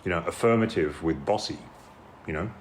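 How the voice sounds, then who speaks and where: A man's voice: low voice, brisk, background noise, close to an everyday voice. A man playing a rambling male therapist who stammers through false starts and hedges constantly. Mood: hedging. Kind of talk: improvised comedy dialogue.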